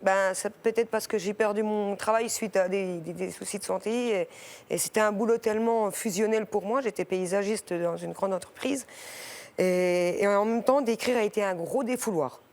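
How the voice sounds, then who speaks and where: A shy woman speaking as a talk show guest, halting and filling her pauses with hesitations. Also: medium pitch, darkish tone. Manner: shy, halting, many fillers. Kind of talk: hesitant personal testimony.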